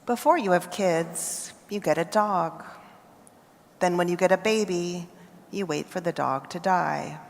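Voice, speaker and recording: This American poet's reading is slow and deliberate, with pauses letting every line land before she moves on. Her somewhat low voice has a creaky quality, and the festival reading hall adds a long, echoing tail behind each phrase.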